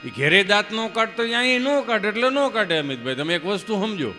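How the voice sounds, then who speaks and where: A man's voice: high-pitched, sing-song, fairly quick, sharp tone. A man doing live stand-up folk comedy, a chatty storyteller who slips into moral asides. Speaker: stage comedian. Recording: long hall reverb, faint music.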